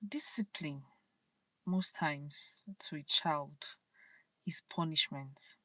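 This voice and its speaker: A woman's voice: low-pitched, slow pace, pushed and bright, no room sound. A woman hosting her own live stream, chatting casually and telling a story with occasional laughs about parenting. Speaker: channel host.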